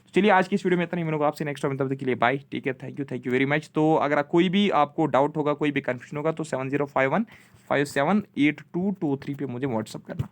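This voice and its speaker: A man's voice: a little high, quick pace. A young man teaching an exam-prep geography lesson, mixing Hindi and English, asking himself questions and answering, often repeating "ठीक है". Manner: mixes Hindi with English terms.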